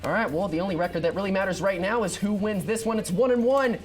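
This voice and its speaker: A man's voice: high voice, fast, soft background music. A young man co-anchoring a student sports show, chatty and playfully competitive with his partner.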